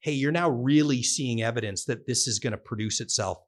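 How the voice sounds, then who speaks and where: Halting male podcast interviewer, mid-range voice. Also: mid-range voice. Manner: halting, repeats words as he frames questions. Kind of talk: casual interview chat.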